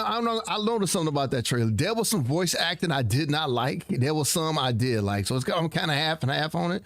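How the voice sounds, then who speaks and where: A man hosting a casual trailer reaction, talking in a halting way and repeating words as he goes. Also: on the high side. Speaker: host reacting to game trailers. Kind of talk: casual commentary.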